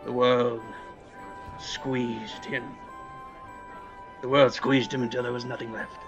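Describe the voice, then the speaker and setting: An actor playing Ebenezer Scrooge, a bitter man facing his regrets, answering tersely and haltingly in an audio play. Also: medium pitch, flat delivery, dull audio, music in the background, lightly acted. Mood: regretful.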